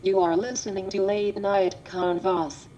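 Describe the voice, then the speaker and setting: A synthetic female text-to-speech voice, a computer robot voice reading a station ident in a flat, evenly spaced way. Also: mid-range voice, measured pace, slight background noise. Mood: robotic. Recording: dull lo-fi computer speaker played into the mic.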